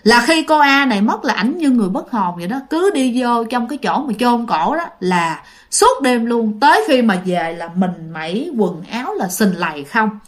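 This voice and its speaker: A woman with a Southern Vietnamese accent tells ghost stories in a relaxed, chatty way and keeps addressing her listeners. Her voice is fairly high and very lively in pitch. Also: moderate pace. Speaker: ghost story narrator. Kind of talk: casual storytelling to listeners.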